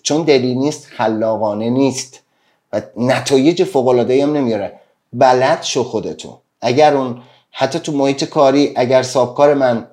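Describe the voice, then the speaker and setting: A man's voice: medium pitch, a little mellow. Earnest man asking rhetorical questions. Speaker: self-help speaker. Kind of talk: live-stream motivational talk.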